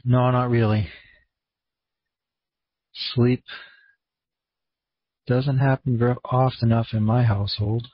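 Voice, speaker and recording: A man with a Maine accent and a husky voice, hosting an online conference call in a casual, rambling, laid-back way. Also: mid-range voice, fairly even intonation, takes it slowly, long pauses, no echo. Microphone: online conference room call. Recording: dull, muffled lo-fi audio.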